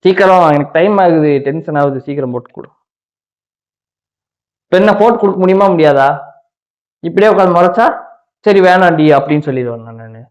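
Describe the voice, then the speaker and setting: A man's voice: a little high, expressive, fairly quick, pauses often. A young man in a couple's prank vlog, curtly repeating short insistent commands at home. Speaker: vlogger husband.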